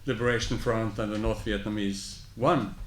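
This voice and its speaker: An older man on a panel replying to a question in a reflective, measured way, with a few restarts. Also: on the low side, fairly even intonation. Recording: roomy hall, clear background noise.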